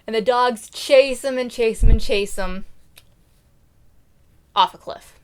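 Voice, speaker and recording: A woman with a fairly high, clear, resonant voice retells a fairy tale slowly, casually, and comically. Her storytelling is slangy, theatrical, and quirky.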